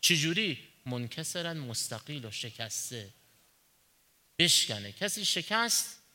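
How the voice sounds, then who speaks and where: A man's voice: a little high, very animated, sharp tone, big-room sound. A man preaching a sermon, asking rhetorical questions and answering them himself, and telling everyday stories to make his point. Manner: tells illustrative stories in everyday speech.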